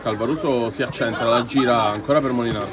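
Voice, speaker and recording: A man giving breathless, excited play-by-play goal commentary on a futsal match, bursting into shouts. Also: medium pitch, fast. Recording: noisy sports venue with loud crowd. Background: crowd noise.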